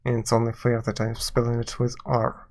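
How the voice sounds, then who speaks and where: A man's voice: mid-range voice, completely flat delivery, normal speed, a little mellow. A man from Belarus with a Belarusian accent, live-streaming while he codes, talking hesitantly with many filler sounds. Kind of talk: live-streamed coding commentary. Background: keyboard typing and clicking.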